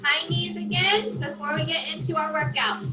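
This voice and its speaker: A woman's voice: sits high, steady tone, normal speed. A woman fitness instructor leading a cardio class, calling out moves and cheering, getting out of breath. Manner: encouraging cues with cheers. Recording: echoey room with loud music. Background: workout music.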